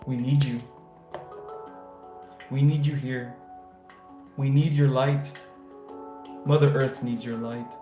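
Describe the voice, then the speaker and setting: Reading comments on his laid-back spiritual livestream, an American man responds to viewers and offers upbeat, affirming blessings. He speaks slowly in a flat, mid-range voice, pausing often, amid a roomy echo and soft guitar music.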